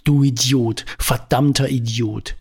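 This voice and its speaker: A man reading the lines of an exasperated, shouting woman in a spoken story, in his own gravelly, husky voice. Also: mid-range voice, normal speed. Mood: angry. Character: furious woman with a botched injury.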